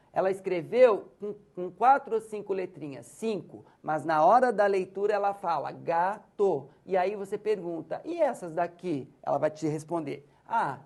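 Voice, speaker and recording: A woman's voice: medium pitch, darkish tone. A woman with a Brazilian Portuguese accent giving a university lecture, patiently walking through examples and checking that listeners follow. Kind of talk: recorded lecture on literacy.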